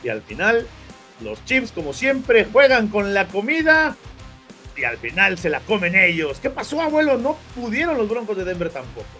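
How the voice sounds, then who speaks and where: A man's voice: high voice, wildly swooping pitch, normal speed, pushed and bright, faint music behind. A man hosting a sports talk show, presenting emphatically and addressing his co-hosts directly.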